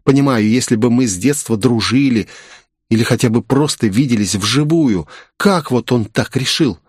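A man's voice: mid-range voice, moderate pace, a little mellow, slightly rough, no room sound, clean studio sound, lightly acted. A man voicing a haughty, scheming young princess who talks sharply and mockingly. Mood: irritated.

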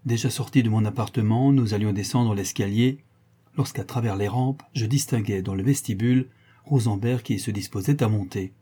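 A man reads a classic novel aloud in a measured, literary way. His voice is dark and mellow with a husky grain. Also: fairly low pitch. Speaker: audiobook reader.

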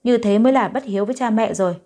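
A woman's voice: on the high side, rapid-fire, dark tone, natural voice. Woman voicing a tearful, stubborn young woman. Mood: defiant. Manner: pleading, emotional.

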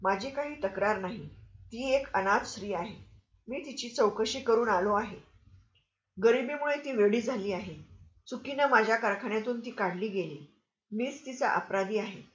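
A woman's voice: on the high side, moderate pace, natural voice. A woman reading the part of a generous male town president who speaks firmly and with authority. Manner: firm, commanding. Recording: roomy, slightly dull recording.

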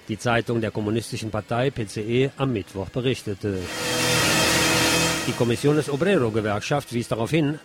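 On community radio, a man with a medium-pitched voice presents scripted news in a measured reporting style, occasionally slipping in a dry aside.

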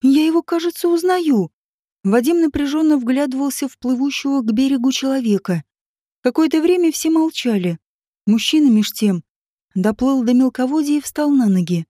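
A woman narrating an audiobook in a steady, even reading voice. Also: high-pitched, moderate pace, no echo, studio quality.

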